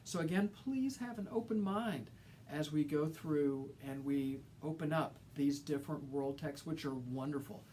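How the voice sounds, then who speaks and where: Here a middle-aged Alabama man with a Southern accent delivers a course welcome as a college instructor, sounding earnest and enthusiastic and often repeating phrases to stress them. He speaks at a moderate pace in a fairly high voice with a dark tone, and slight background noise is present.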